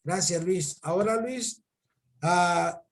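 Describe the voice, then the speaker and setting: A man with a Mexican accent giving a religion lesson to a child, halting and repeating his words as he keeps calling the pupil by name. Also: sits high. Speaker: catechist teaching a child.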